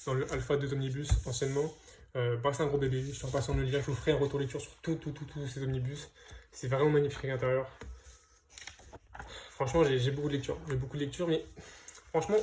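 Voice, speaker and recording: A man's voice: medium pitch, a little mellow, slight background noise. A man casually presenting his comic book purchases to viewers, hesitant, with lots of fillers and restarts. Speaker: comic book collector vlogger. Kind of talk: casual unboxing chat.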